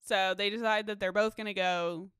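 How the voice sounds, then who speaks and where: A woman's voice: mid-range voice, fairly even intonation, normal speed, fairly bright tone, clear, resonant tone, dry recording, studio quality. A woman co-hosting a podcast, recapping a film in casual chat, swearing and filling with "um" and "like". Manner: swearing, filler-heavy, recapping scenes. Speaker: podcast co-host.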